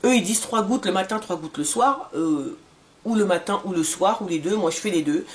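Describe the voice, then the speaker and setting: Woman, forties, beauty vlogger, casual review, halting speech full of fillers. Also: medium pitch. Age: 40s. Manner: hesitant, many fillers and restarts.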